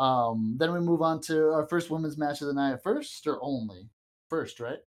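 Speaking at a moderate pace in a mid-range voice, this podcast co-host records inside a small closet. The wrestling recap is chatty and meandering, peppered with fillers and laughs.

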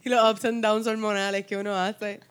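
A woman's voice: medium pitch, level tone, moderate pace, clean tone. A woman, joining a casual chat with short reactions and personal asides.

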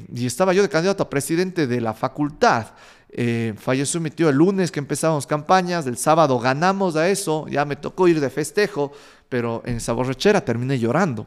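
A man, telling life stories in a frank, animated way and swearing casually. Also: on the high side. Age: 30s. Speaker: vlogger sharing life lessons. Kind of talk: casual storytelling monologue.

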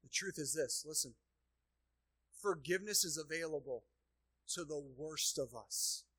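A pastor preaching a sermon, who repeats key phrases and swings between hushed low passages and loud emphatic peaks. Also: male voice, measured pace, slightly rough, no echo. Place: church sanctuary.

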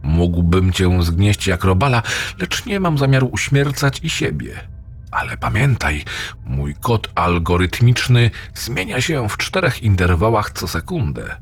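A man voicing a gloating, crude male AI demon in a horror story reading, with a rough, mocking voice. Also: measured pace. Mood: menacing. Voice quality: rough, ugly, abusive voice. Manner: taunting, lewd, lively pitch swings.

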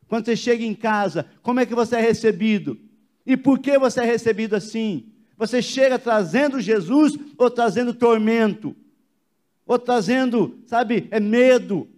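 A man's voice: very high-pitched, normal speed, darkish tone. A male pastor with a Brazilian Portuguese accent preaching a church sermon, emphatic and full of rhetorical questions to the congregation. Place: church service.

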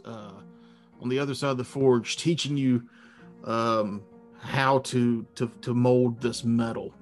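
A man narrating a tabletop fantasy game as game master, improvising in a halting way with dramatic pauses. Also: medium pitch.

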